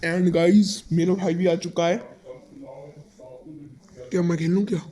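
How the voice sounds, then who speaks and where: A young man giving excitable live commentary over his own game, calling his viewers "guys" again and again. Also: sits high, measured pace. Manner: excitable, fills every phrase with "guys". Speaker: gaming YouTuber.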